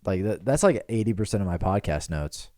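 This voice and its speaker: A man in his twenties hosts a podcast, rambling and riffing through casual, joking chat in a small room where pillows soften the sound. His low voice is expressive, brisk and mellow. The recording is clean studio sound with no room sound.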